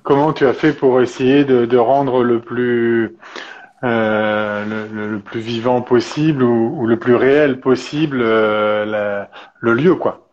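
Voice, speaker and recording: A man's voice: mid-range voice, fairly even intonation, slow pace, a little mellow. Man asking winding questions, dull lo-fi sound. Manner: long winding questions with many fillers. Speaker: podcast host, interviewer. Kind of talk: interview questions.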